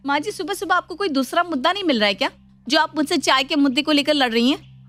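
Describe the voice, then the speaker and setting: A woman's voice: high voice, fast talker, a bit bright, soft background music, pitched above the performer's own voice. A woman voicing a young daughter-in-law who answers back firmly and argues, in a cartoon story. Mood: argumentative. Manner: firm, argumentative.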